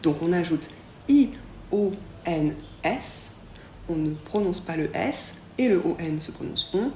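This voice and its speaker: A woman teaching a French lesson, saying each example slowly and pronouncing it clearly. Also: lowish voice, animated, darkish tone. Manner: slow, clearly articulated model pronunciations. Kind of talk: language lesson. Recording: echoey room with faint background hiss.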